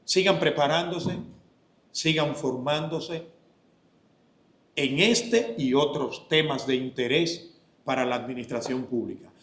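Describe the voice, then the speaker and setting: Dominican official, kinda high voice, slow urging welcome speech, echoey hall. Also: male voice, fairly bright tone. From Dominican Republic. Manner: measured and exhortative. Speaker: institute official opening a seminar.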